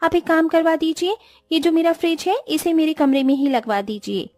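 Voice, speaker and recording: Cartoon role: woman playing a selfish rich bride, very high and bossy, dry read. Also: fairly even intonation, moderate pace, darkish tone, dry recording. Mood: demanding. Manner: demanding, shrill, scolding. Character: spoiled rich young bride, selfish and haughty.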